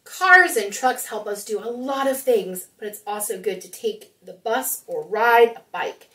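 A woman in her thirties leads storytime in a small room indoors, speaking expressively to young children and reading from a picture book. Her voice leans high, pushed and bright, at a measured pace, and she is far from the microphone.

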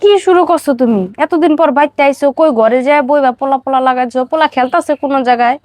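A woman's voice: high voice, quick pace, a little mellow, dry recording, close to an everyday voice. A woman playing an evasive village mother. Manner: evasive, defensive. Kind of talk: amateur short film drama.

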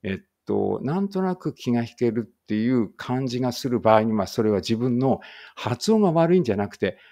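A man with an Ibaraki Japanese accent, an English teacher who reads English slowly word by word and then explains quickly in Japanese. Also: medium pitch, very animated, dark tone. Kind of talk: slow English read-aloud lesson with Japanese explanation.

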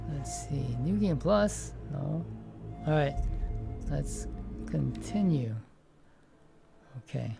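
Seated at home in a VR headset, a woman chats through her game stream in a deep, animated voice with vocal fry. She speaks slowly and pauses often, rambling with hesitant restarts as she thinks aloud, while music plays in the background.

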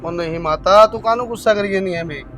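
Brief: man as young village son, high quick voice, placating. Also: a bit bright, faint music behind. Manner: placating, casual, brushing things off. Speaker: younger son in a family drama. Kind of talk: village web-series acting.

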